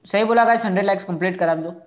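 A young man with a high-pitched voice talks very fast while hosting a casual live game stream. He chats with viewers, replies to their chat messages one at a time, repeats himself, and keeps asking for likes.

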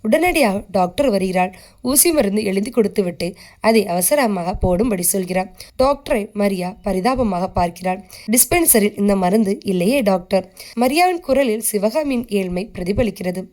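A woman reading a short story aloud as a steady, scripted narration, keeping the characters close to her own voice. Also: medium pitch, moderate pace.

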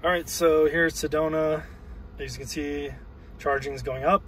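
A man's voice: fairly high pitch, unhurried, a little hiss or hum, rough recording. A man casually narrating his road trip from inside his car, rambling with lots of fillers. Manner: relaxed, rambling, many fillers. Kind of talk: casual narration while driving and charging.

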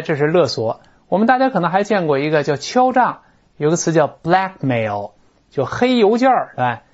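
A man teaching English through a textbook text, explaining in a chatty, colloquial way. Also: on the high side. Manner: lively, colloquial, northern-style chatty explanations. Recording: dull lo-fi recording.

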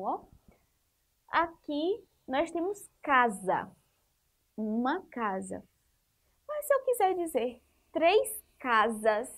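A woman teacher giving a spelling lesson to young children, asking the class questions and patiently repeating each rule. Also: high-pitched. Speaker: primary school teacher.

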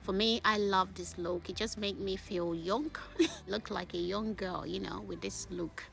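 A woman's voice: mid-range voice, unhurried, vocal fry. A woman vlogger chatting through a casual try-on haul, enthusiastic about the clothes and tagging a questioning "okay?" onto her sentences. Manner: chatty, often adds a questioning "okay?" at the end of phrases; switches to voice-over narration partway.

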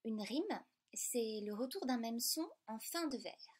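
A woman teaching a lesson in a clear, patient, step-by-step way. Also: on the high side, expressive, measured pace. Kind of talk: explanatory lesson.

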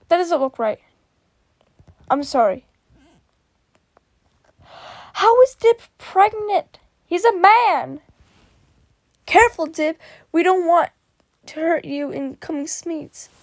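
Woman, high voice, lively swooping pitch, excitable, giggly, casual reaction commentary. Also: no echo. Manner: excitable, gasping, giggly, exclaims often. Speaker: vlogger reacting to fan art.

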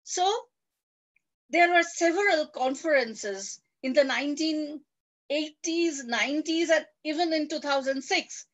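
High-pitched woman lecturing, lots of uh's and restarts. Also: fairly bright tone, low-quality recording. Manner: halting, many fillers and restarts. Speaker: guest lecturer. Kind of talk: academic lecture.

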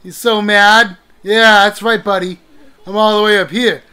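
Bright-voiced woman panicking through a game. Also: medium pitch, fairly even intonation, a little slow, clear, resonant tone. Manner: narrates own moves, panicky yelps when chased. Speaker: gaming channel host. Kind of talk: let's play commentary.

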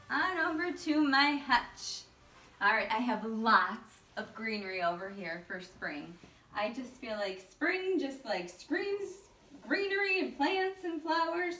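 High-pitched chatty, gushing woman giving a home tour. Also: pushed and bright. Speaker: home decor vlogger giving a house tour. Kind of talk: casual home tour narration. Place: living and dining rooms of a house. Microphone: camera a few metres away. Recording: roomy, distant camera mic, music behind.

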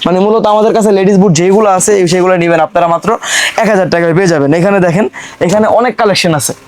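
A Bangladeshi man working as a shop seller, giving a hard-sell pitch in insistent, repetitive patter. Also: racing, a little mellow. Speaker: shop seller presenting products.

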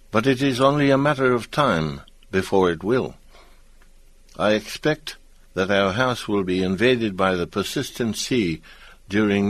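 A man voicing a gruff old island grandfather in a storybook reading. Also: fairly low pitch, a bit bright, dry recording.

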